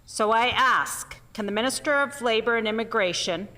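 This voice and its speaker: A woman opposition legislator putting pointed, deliberate, formal questions in parliament. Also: a little high, bright, forceful tone. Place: large legislative chamber. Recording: reverberant chamber, faint noise.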